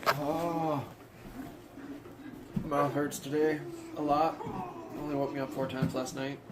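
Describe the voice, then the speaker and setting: A man's voice: on the high side, level tone, unhurried, heavy background noise. A tired man chatting casually as co-host of a family vlog. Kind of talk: casual chat.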